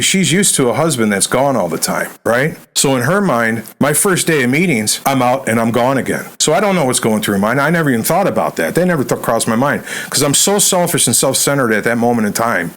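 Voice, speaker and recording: A man's voice: mid-range voice, rough recording. A middle-aged man telling his personal recovery testimony in a sit-down interview, acting out the dialogue and dropping "right?" and "man" as he goes. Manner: storytelling, acts out quoted dialogue, fillers like "right?" and "man". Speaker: podcast guest.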